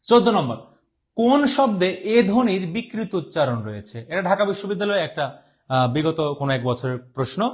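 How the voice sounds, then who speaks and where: A young man from Bangladesh teaching an online exam-prep class, explaining step by step and quizzing his students as he goes. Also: high voice. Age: young adult. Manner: repeats and drawls words to show how they are said.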